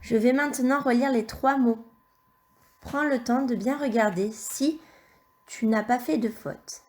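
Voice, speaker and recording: A woman teaching young children, dictating words slowly and spelling out letters and syllables one by one. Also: a little high. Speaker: primary school teacher.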